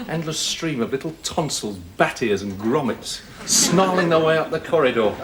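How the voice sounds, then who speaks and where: An actor playing a wry hospital anaesthetist, musing in dry, joking asides. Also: male voice, a little high, lively intonation, normal speed, a loud crowd, close to an everyday voice. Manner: dry, storytelling humour, musing.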